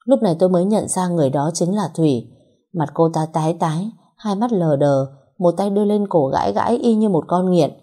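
A young woman narrating a first-person story in a measured, steady way. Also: lowish voice, slightly rough.

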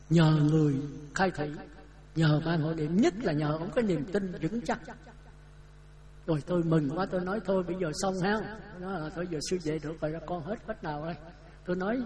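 A man's voice: high-pitched, poor audio. A man, a Buddhist monk, telling a folksy, chatty story in a dharma talk, laughing as he goes. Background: audience laughter.

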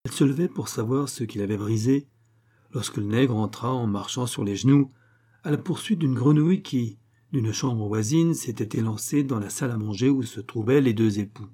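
A man narrating a comic story as an audiobook reading, in a measured storytelling manner. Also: mid-range voice, dark tone.

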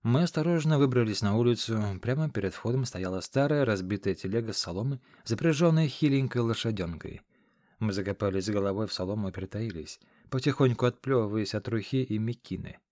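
A man narrating a first-person fantasy audiobook in a measured, dramatic reading. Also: lowish voice, animated, a little mellow, no echo. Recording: dry close studio sound.

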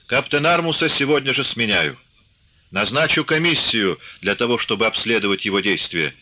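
A man's voice: mid-range voice, lively intonation, normal speed, bright, forceful tone. A man playing a stern Cossack commander. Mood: stern commanding. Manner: curt barked orders. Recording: dull lo-fi recording.

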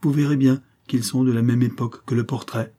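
A man reading a novel aloud, voicing a proud and commanding noblewoman with a forceful, insistent delivery. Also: medium pitch, steady tone, a little fast, husky, pitched above the performer's own voice, close to an everyday voice.

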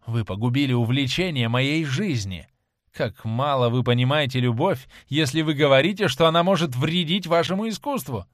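A man's voice: medium pitch, normal speed, no room sound, close to an everyday voice. A man reading the part of a cruel young man in an audiobook, scornful and raising his voice, recorded dry. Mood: furious. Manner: scornful, raised voice.

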